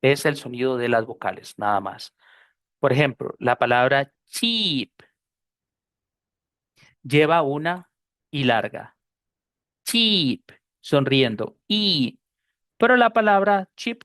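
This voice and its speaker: An English teacher, giving a pronunciation lesson and explaining by repeating model words slowly. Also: medium pitch, no echo.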